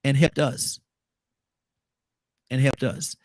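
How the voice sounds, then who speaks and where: A man's voice: mid-range voice, flat delivery, slow, no room sound, clean studio sound. A man hosting casual radio talk, repeating his phrases for emphasis. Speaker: radio show host.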